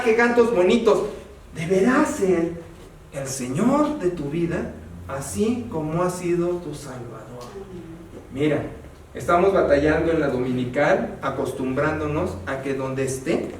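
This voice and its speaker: A man with a Mexican accent preaching a sermon as pastor, animated, rising to exclamations and dropping low. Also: measured pace, slight background noise. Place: church sanctuary. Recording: echoey church hall from a distance.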